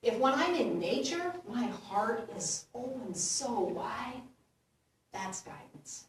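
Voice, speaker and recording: A woman minister giving a gentle, unhurried sermon, laughing lightly at her own jokes. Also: on the high side, big pitch swings, a little hiss or hum. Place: church sanctuary. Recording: roomy echo from far off.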